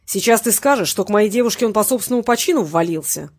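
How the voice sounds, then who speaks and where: Woman voicing a loud, mocking tough guy. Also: medium pitch, brisk, breathy edge, natural voice. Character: tough sarcastic man threatening a rival by phone.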